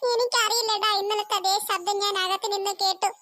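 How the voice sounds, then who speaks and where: A woman voicing a bossy older sister in a cartoon, a young girl with a high child voice who snaps at her little brother. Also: fairly even intonation, fairly quick, bright, forceful tone, slight background noise. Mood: frightened. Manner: bossy, snappy. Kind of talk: cartoon voice acting.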